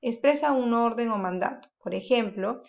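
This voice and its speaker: A woman's voice: on the high side, normal speed, creaky, highs cut off. A woman teaching a recorded grammar lesson to primary school pupils, explaining patiently, repeating key points and checking that the children follow.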